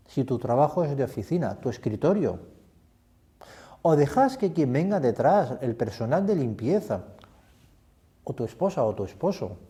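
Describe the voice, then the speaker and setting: Mellow priest. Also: male voice, medium pitch. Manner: reflective, poses many questions to the listener. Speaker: priest leading a retreat. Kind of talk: spoken retreat meditation.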